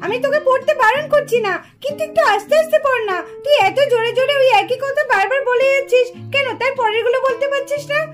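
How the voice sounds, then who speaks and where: A woman's voice: very high-pitched, quick pace, hardly any pauses, faint music behind, voice pushed up. A woman voicing an annoyed older sister in a doll cartoon, complaining in a whiny voice. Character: fed-up older sister trying to study.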